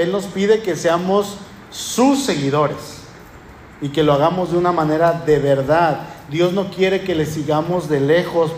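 High-voiced northern Mexican pastor preaching. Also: male voice, reverberant, slight background noise. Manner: emphatic preaching with rhetorical questions and lists. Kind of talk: sermon. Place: church.

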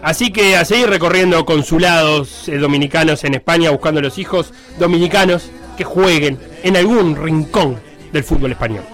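A man's voice: a little high, moderate pace, hardly any pauses, faint music behind. A man with a Rioplatense Spanish accent, co-hosting a comedic sports talk show in a playful, jokey way. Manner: playful, jokey, animated storytelling. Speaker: co-host.

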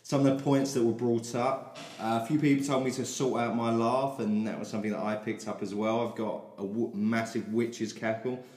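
A man with a softened South London English accent hosting a podcast in casual, blunt, sweary chat. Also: mid-range voice, flat delivery, normal speed, few pauses. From South London, England. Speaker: podcast host. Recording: roomy, echoey.

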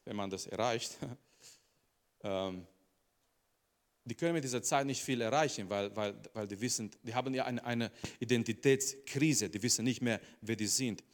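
A man's voice: mid-range voice, moderate pace. Man preaching in a reverberant hall. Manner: emphatic, repeats phrases, asks the audience rhetorical questions. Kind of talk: sermon. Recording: long reverb of a large hall.

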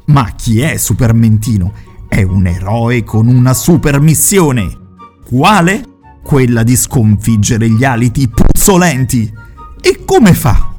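A man narrating children's stories in a gentle, playful way that talks to the listeners. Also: mid-range voice, a little slow, soft background music. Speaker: storyteller.

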